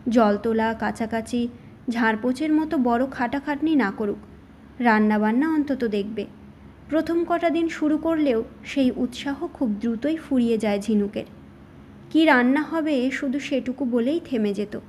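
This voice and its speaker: A woman storyteller narrating a short story for an audiobook in a steady, measured reading. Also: fairly high pitch, slight background noise.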